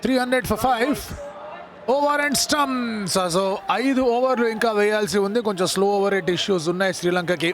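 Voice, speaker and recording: A man's voice: sits high, normal speed. A man with an Indian accent, lead commentator giving Telugu cricket commentary mixed with English. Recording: live broadcast with noisy stadium crowd. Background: cricket crowd noise.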